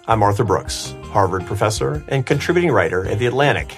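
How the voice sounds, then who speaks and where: Fifties guy hosting a podcast, kinda low voice, emphatic and wry, soft music under it. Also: expressive, brisk. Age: 50s. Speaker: podcast co-host. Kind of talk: conversational podcast interview.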